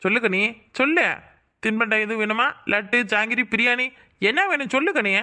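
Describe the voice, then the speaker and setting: A teasing young village husband banters playfully, as a voice actor plays him. His voice is bright and light. He dotes on his wife in a cartoon scene. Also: mid-range voice, brisk, lightly acted. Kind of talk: cartoon voice acting.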